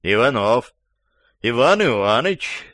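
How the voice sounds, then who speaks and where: Мужчина изображает язвительного ревнивого любовника. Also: male voice, medium pitch, big pitch swings, unhurried, a bit bright, no echo, clean studio sound. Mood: mocking, angry. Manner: sarcastic, gloating. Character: angry mocking man, jealous lover.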